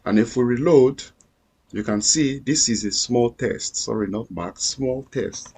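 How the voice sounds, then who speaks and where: A man walks through a coding tutorial at an unhurried pace, repeating each step patiently. His voice is slightly husky, his pitch sits in the middle, and keyboard typing and clicks can be heard under his speech. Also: a little mellow. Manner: patient, repetitive step-by-step explaining. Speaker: coding instructor. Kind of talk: screen-recorded coding tutorial.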